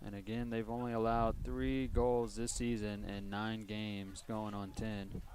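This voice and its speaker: A man's voice: lowish voice, level tone, unhurried, darkish tone. A young man doing casual play-by-play commentary on a college soccer game, chatty and rambling with lots of fillers. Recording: noisy livestream commentary audio.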